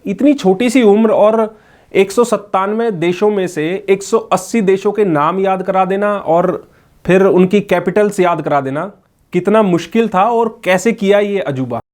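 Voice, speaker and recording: A male local news reporter with a high-pitched, slightly slow voice and a darkish tone. He marvels aloud while quizzing children and chatting with their mother during a family interview.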